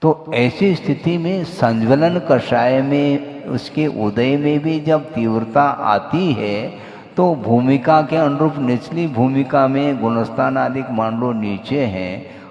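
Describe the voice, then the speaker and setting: Slow-speaking monk preaching in an echoey hall. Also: male voice, medium pitch, darkish tone, muffled recording. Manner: slow, questioning, teacherly, stresses points with "hm?" and "haan". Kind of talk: sermon. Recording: echoey hall, long reverb.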